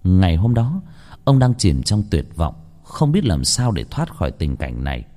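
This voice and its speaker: Male horror-story narrator, fairly low voice, very lively intonation. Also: normal speed, in a large hall.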